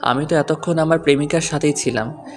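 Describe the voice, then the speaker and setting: A man voicing a calm, stubborn young husband in an audio story who teases in a dry, level way. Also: fairly high pitch, brisk, faint music behind, natural voice. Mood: teasing. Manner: dry, teasing, level delivery. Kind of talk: Bengali audio story acting.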